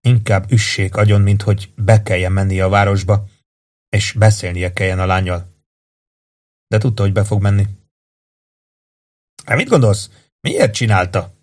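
A man reads an audiobook in a measured, even manner. His voice sits low, and the narration moves steadily. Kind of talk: audiobook reading.

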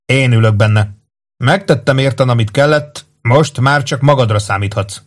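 A man voicing a gruff, sarcastic male archer in an audiobook, with a dry delivery. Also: medium pitch, close to an everyday voice. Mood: dry, irritated.

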